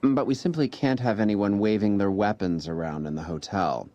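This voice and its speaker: An actor playing a polite, officious hotel greeter in a video game, with the formal courtesy of a petty bureaucrat. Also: male voice, lowish voice, normal speed, warm tone, lo-fi sound, natural voice. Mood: officious, courteous. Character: polite, officious male casino hotel greeter enforcing house rules. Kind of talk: video game character dialogue.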